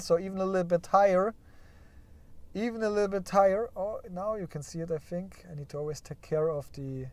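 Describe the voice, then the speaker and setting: Here a high-pitched male voice with a dark tone and no echo offers casual live commentary on company earnings. The stock market streamer shares his screen, thinks aloud chattily, leans on "yeah?", and jokes about crying over the outcome.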